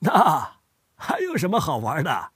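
Older man from Hubei as a grandfather explaining dialects, husky, very animated, dry close sound. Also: on the high side, a little slow, dry recording. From Hubei, China. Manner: animated storytelling, chuckles often. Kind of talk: scripted educational dialogue.

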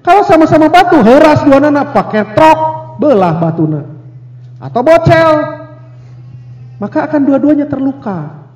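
A man giving a lively seminar talk on communication. He asks the audience questions and acts out little scenes. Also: extremely high pitch, normal speed, pauses often. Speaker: speaker on family communication. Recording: echoey hall, dull lo-fi sound.

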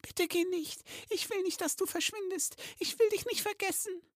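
A man voicing an anxious squeaky girl elf. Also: expressive, normal speed, dry recording, clean studio sound. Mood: pleading. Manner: pleading, worried, very high squeaky voice. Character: anxious young female Christmas elf. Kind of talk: storybook reading with voices.

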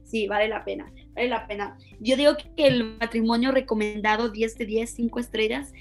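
A young woman from Ecuador in her twenties, a youth pastor, speaking warmly and earnestly as a podcast guest. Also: fairly high pitch, steady tone, moderate pace, soft background music. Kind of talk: interview conversation.

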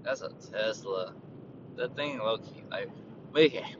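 A man in casual storytelling mode ranting about his retail job in a profane, laid-back way. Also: a little slow. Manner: profane, laid-back, quotes people in a raised voice. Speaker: retail worker. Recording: dull lo-fi with vehicle rumble.

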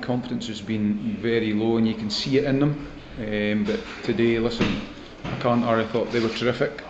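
A man's voice: mid-range voice, a little mellow. A Scottish man giving a post-match interview as a football manager, plain-spoken, emphatic and full of praise. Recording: muffled, echoey, faint background noise.

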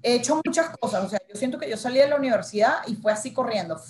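A woman in her thirties speaks as an interview guest, recounting her working life at an easy conversational pace. She bursts into lively quoted lines of her own thoughts along the way. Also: on the high side, quick pace, a little hiss or hum. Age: 30s. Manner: animated, acts out her own inner dialogue. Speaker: guest, journalist.

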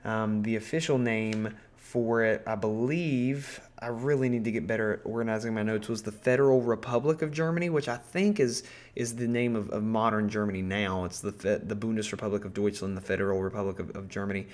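A man's voice: on the low side, a little fast, hardly any pauses, a little mellow. A man hosting a podcast, explaining history in a casual, rambling way, full of ums, restarts and swearing. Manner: rambling, profane, full of ums and self-corrections. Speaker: podcast host.

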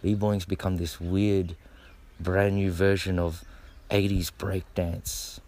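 A man's voice: low-pitched, flat delivery, takes it slowly, darkish tone. A middle-aged man who breakdances, talking to camera in a laid-back, rambling way, swearing freely and repeating words. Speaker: b-boy. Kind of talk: casual monologue to camera.

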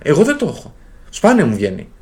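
A man in his twenties co-hosting a casual podcast chat. He talks reflectively, doubting himself and restarting his sentences, and his voice sits a little high while swinging widely in pitch. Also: huge pitch swings, mellow. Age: 20s. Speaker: podcast co-host.

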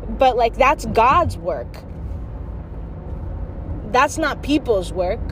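A woman's voice: fairly high pitch, lively intonation, extremely slow, a bit bright, slight background noise. A young woman talking candidly to her viewers in a blunt, profane, confiding way. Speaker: vlogger. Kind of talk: candid monologue to camera.

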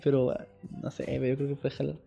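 A man's voice: medium pitch, completely flat delivery, fairly quick, gravelly, warm tone, dull audio, soft background music. A young man, co-hosting a podcast, telling stories in slangy, teasing chat. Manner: slangy, teasing, tells stories with quoted voices. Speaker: podcast co-host. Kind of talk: casual chat.

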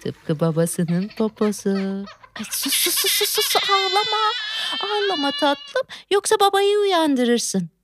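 A harried young working mother, played by a woman in a theatrical monologue, exclaiming in alarm one moment and cooing to her baby the next. Her voice sits high and leaps all over, yet she lingers unhurriedly over her words. The sound is dry and close, with no room around it. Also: wildly swooping pitch, slow, background noise, heavily acted. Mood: hurried. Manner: frantic, exclaiming, coos to a baby. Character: flustered young working mother, factory worker.

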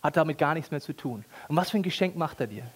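Man giving a lively, joking sermon, high voice, very expressive. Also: fast, slightly rough. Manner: animated, ironic, colloquial. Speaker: preacher.

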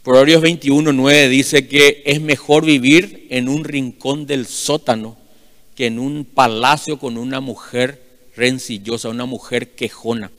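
A male pastor, preaching loudly and emphatically, rising and falling in volume. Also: mid-range voice, steady tone, a little slow. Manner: loud, emphatic preaching with sudden swells and drops. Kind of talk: sermon. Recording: long hall reverb.

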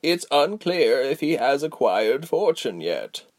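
A man voicing an old, tired, wise female healer who speaks slowly, calmly and sternly. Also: mid-range voice, pitched above the performer's own voice. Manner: slow, calm, measured, stern. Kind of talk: audiobook character voice.

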